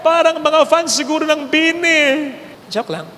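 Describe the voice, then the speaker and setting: Filipino priest preaching, very high voice, lively storyteller, long church reverb, faint hiss. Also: male voice, a little slow. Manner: animated storytelling, swinging from high exclaims to low hushed lines. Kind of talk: homily. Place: large church.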